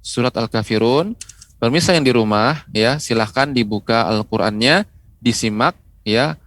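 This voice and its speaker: A man's voice: medium pitch, a bit bright, dry recording. A man teaching Quran letter pronunciation on a TV lesson, patiently repeating syllables and tagging his phrases with "ya". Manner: patient, repeats syllables slowly with frequent "ya" tags. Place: TV studio.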